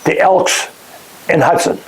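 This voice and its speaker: An older man, a former lodge master, reminisces about his lodge days in a relaxed oral-history interview. He halts and starts over often, chuckling at his own comments, and the audio quality is poor.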